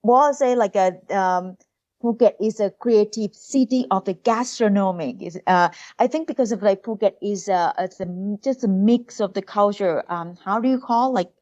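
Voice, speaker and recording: A young woman from Thailand with a Thai accent, speaking English as a second language as a food tour guide in a casual podcast interview, pausing often to search for words. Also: mid-range voice, darkish tone, highs cut off. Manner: hesitant, searching for words, many fillers.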